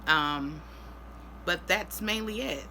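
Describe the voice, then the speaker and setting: Woman vlogger, worn out and sore post-surgery, halting casual talk, bright voice, faint noise. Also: lowish voice. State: tired and in pain after surgery. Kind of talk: casual personal health update vlog.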